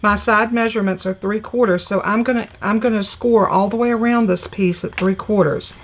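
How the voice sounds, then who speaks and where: This papercraft demonstrator chats through her project one step at a time during a live crafting tutorial. She speaks fairly quickly in a mid-range, steady voice that comes across scratchy and congested.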